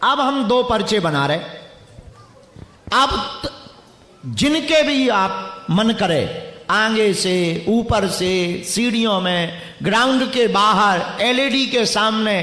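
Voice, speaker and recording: A man's voice: high-pitched, expressive, takes it slowly, bright, forceful tone. A man as a religious preacher addressing a packed stadium crowd and teasing audience members. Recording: echoey stadium sound.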